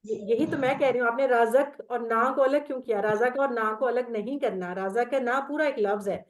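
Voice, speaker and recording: A woman's voice: on the high side, brisk. A woman teaching Quranic Arabic grammar in an online class, patient and step by step, reciting verb tables. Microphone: video call.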